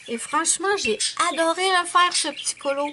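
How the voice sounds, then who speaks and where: A woman with a Québécois accent, chatting casually and rambling warmly to her viewers as she shows her finished coloring pages. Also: extremely high pitch, normal speed. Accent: Quebec French. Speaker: adult coloring channel host. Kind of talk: casual show-and-tell chat. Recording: clear steady background noise.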